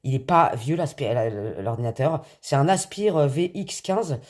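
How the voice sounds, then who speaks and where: A woman's voice: extremely low pitch, lively intonation, moderate pace, darkish tone. Slangy, sick young woman vlogger. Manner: slangy, ranting, swears freely. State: sick with a cough. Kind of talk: casual chat to camera. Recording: noisy with clicking sounds.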